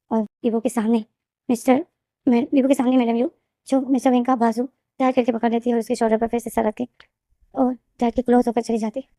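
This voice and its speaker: A woman's voice: a little high, mellow, no echo, clean studio sound. A woman retelling her own fan fiction story in a rambling way, often restarting and repeating names.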